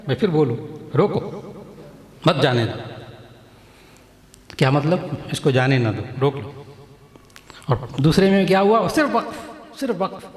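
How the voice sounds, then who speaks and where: A male cleric explaining a point to an audience at a recitation contest, repeating key phrases and acting out examples to show what he means. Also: sits high. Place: large mosque hall. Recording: echoey hall with long reverb.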